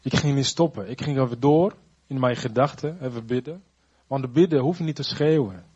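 In a warm, husky, somewhat breathy mid-range voice, a churchgoer recounts his personal faith story with earnest reflection. He falters and starts sentences over as he looks for words. The sound quality is dull and muffled.

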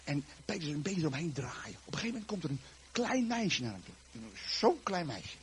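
A man preaching a sermon to his congregation, retelling a Bible story in a lively, joking way with a raspy voice. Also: a little high, a little fast, slight background noise.

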